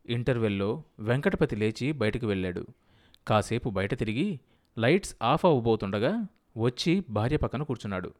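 A man with a medium-pitched voice narrates an audiobook at a moderate pace, delivering scripted narration in a steady storytelling manner.

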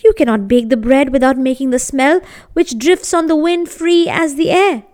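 A woman's voice: high-pitched, normal speed, a little mellow, close to an everyday voice. Woman doing a stammering, pleading poor man. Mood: reasoning.

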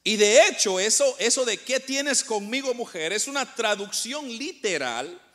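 A man's voice: extremely high pitch, animated, measured pace, a bit bright. A middle-aged male preacher delivering a sermon, speaking to the congregation as brothers with rhetorical questions and repeated words.

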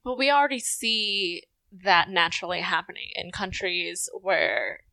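A young woman born in Indonesia, talking casually in a podcast chat, animated, filling her sentences with "like" and swearing now and then. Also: lowish voice, a little slow, creaky, crowd noise.

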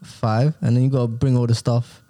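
A man's voice: mid-range voice, flat delivery, a little fast, warm tone, no echo. A young man with a London urban roadman accent, hosting a casual chat full of street slang and tag questions. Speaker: podcast host.

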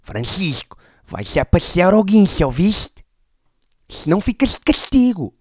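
A man's voice: a little high, big pitch swings, moderate pace, mellow, dry recording, clean studio sound, voice pushed up. A man voicing a stern, nagging middle-aged mother in a stand-up bit. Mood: scolding. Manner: insistent, scolding.

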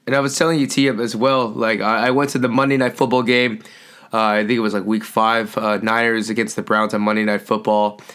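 Low-voiced man hosting a casual podcast. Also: fairly quick. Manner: relaxed, rambling, many fillers. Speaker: podcast host. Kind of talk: casual sports podcast chat.

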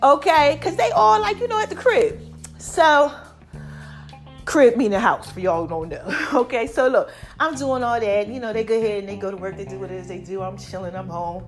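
Animated high-pitched American woman, hyped up. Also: normal speed, faint music behind. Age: 40s. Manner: hype, emphatic, repeats catchphrases and checks in with "okay?". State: voice a little affected by allergies. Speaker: online motivational host selling her own fitness line. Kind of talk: casual direct-to-audience monologue.

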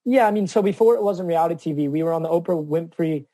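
A man's voice: on the high side, quick pace, warm tone, no room sound. A man speaking as a guest on an interview podcast, earnest and reflective about advocacy. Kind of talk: casual interview chat.

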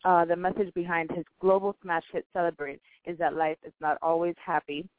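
An interview host reads an intro and asks questions in a casual interview, hesitant and full of fillers and restarts. The voice is mid-range, steady, and brisk, heard dry over a tinny phone line.

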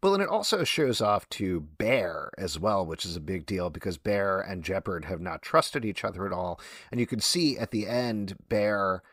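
Podcast co-host, male, low voice, dry close sound, earnest and a little self-mocking in casual show talk. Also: expressive, moderate pace, few pauses, fairly bright tone, dry recording. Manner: earnest, self-deprecating, talks things through at length. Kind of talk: casual TV episode discussion.

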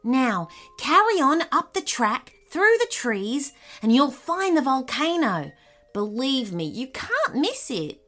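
A woman's voice: high-pitched, sing-song, slow pace, faint music behind, voice pushed up, heavily acted. A woman voicing a cheerful, encouraging koala in a children's storybook. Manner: bright and encouraging.

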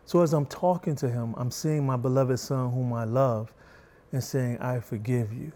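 His pitch is medium, and his delivery is quiet and gentle, unhurried and even: a middle-aged man being interviewed as a show guest.

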